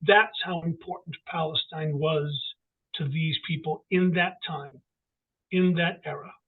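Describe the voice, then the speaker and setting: A man's voice: on the high side, steady tone, a little slow, breathy edge. A man talking as an author guest in an interview, emphatic and full of restarts. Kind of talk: casual interview talk. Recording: tinny phone-like line.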